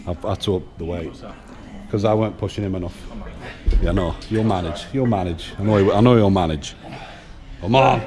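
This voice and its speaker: Gruff northern English gym coach. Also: male voice, low voice, normal speed, long pauses. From England. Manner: barking short commands and rep counts. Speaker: gym coach filming a workout. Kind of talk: coaching during a workout. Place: large indoor gym. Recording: music playing over the gym.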